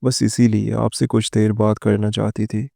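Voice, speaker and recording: Gentle pleading young wife, read by a man, low flat voice, gravelly edge. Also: dry recording, clean studio sound. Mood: tearful. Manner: soft, tearful pleading.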